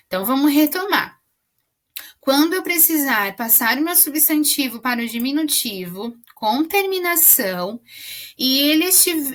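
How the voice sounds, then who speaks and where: A woman teacher explains spelling rules to children in a patient, clear way. Her voice sits a little high, and she slows down to spell out the example words. She keeps checking that the class is following along. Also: a bit bright. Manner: patient, explaining, checks understanding with tag questions.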